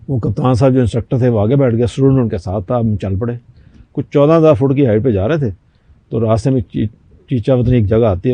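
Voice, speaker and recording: A man's voice: medium pitch, slightly rough, dry recording, muffled recording. An older man from Pakistan, a talk show guest, telling a personal anecdote and acting out the people in it. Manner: animated anecdote telling with quoted voices.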